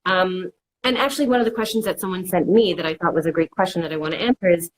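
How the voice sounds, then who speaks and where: A woman's voice: lowish voice, fast, a little hiss or hum, rough recording. A woman counselor giving casual, reassuring advice and acting out worried inner voices in quotes. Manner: reassuring, repeats "it's okay". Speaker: mental health counselor. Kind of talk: conversational advice.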